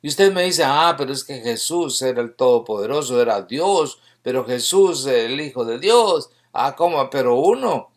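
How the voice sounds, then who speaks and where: A man preaching a sermon with fervor, reading scripture aloud and rising into emphatic bursts between quieter stretches. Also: medium pitch, animated, moderate pace, few pauses.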